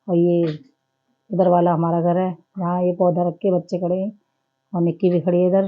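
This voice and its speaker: A woman's voice: fairly low pitch, dull audio. A woman in her thirties giving a chatty, homely running commentary over her family vlog. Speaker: family vlogger.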